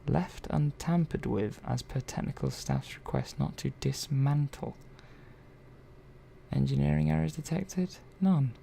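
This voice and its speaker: Soft and creaky, a man's voice plays a curious, gently chatty robot repair technician in a soft-spoken ASMR roleplay. Pitched on the high side and exaggerated, it has lively intonation and sounds curious and puzzled. He murmurs unhurriedly, thinking aloud with hesitant asides, over faint background noise.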